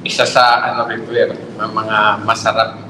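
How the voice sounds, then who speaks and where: A man's voice: fairly low pitch, monotone, moderate pace. A man preaching a sermon, exhorting his listeners with rhetorical questions. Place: church hall. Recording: echoey hall, faint noise.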